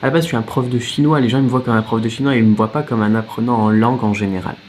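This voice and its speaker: A man who teaches languages, talking casually to camera in a vlog, chatty and lively with many fillers and restarts. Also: mid-range voice, racing, slight background noise. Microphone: separate microphone.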